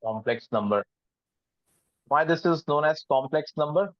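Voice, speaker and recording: A man's voice: fairly high pitch, expressive, unhurried, no room sound, dull audio. Man teaching a coding class. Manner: mixes English and Hindi, asks the class questions. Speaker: programming instructor. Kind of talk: live online class teaching.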